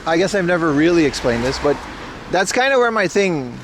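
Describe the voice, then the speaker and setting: A man's voice: on the high side, sing-song, a little fast. A man from Aruba with an American accent, chatting casually as a livestream host in a rambling, slangy, playful way. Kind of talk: casual outdoor livestream chat. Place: outdoors in a rural Japanese town on a rainy day. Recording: noisy outdoor street with passing cars. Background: traffic and outdoor ambience.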